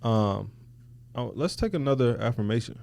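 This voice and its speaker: A man's voice: mid-range voice, expressive, moderate pace, vocal fry, a little mellow. A man hosting a podcast, talking reflectively in loose, slangy, casual conversation. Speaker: podcast host.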